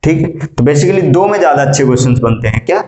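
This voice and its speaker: Man teaching math in a classroom, fairly high voice, quizzes students, echoey room. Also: expressive, darkish tone. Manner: quizzes students, repeats statements slowly, calls them "beta". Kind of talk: classroom lecture.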